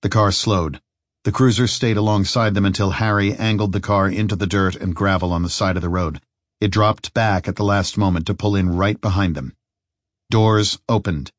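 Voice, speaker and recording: A man reading an audiobook in steady, even scripted narration. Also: on the low side, normal speed, dry recording, studio quality.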